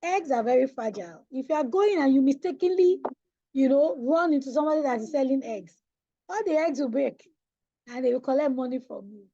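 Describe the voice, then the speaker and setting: In an online webinar, a Nigerian financial coach speaks to young people about personal finance, her high-pitched, mellow voice brisk and expressive. She's emphatic and preacherly, often firing questions at her audience. The webinar audio is dry with no room sound, and the highs are cut off.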